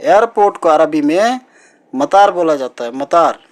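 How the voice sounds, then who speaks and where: A man teaching everyday vocabulary as a language teacher, repeating each word slowly and patiently. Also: on the high side, expressive. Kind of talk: teaching Arabic words in Hindi.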